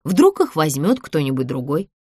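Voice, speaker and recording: A woman's voice: deep voice, very animated, normal speed, a little mellow, no echo, clean studio sound. A woman voicing a young heroine who speaks earnestly and coaxingly in a thriller audiobook. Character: brave young woman, tense but kind.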